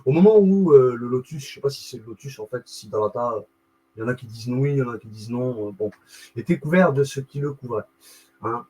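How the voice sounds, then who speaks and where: A man's voice: medium pitch, lively intonation, brisk, mellow, husky, rough recording. A man hosting a live video, reading a text aloud and commenting on it, full of fillers, restarts and self-corrections, with wry asides.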